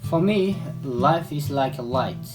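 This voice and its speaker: Slow, reflective male narrator. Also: medium pitch, expressive. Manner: slow and measured, building an image step by step. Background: guitar music.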